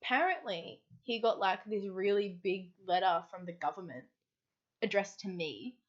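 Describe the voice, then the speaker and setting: A woman co-hosting a podcast, telling anecdotes in animated casual chat and laughing easily. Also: mid-range voice, moderate pace, dull audio. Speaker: podcast co-host.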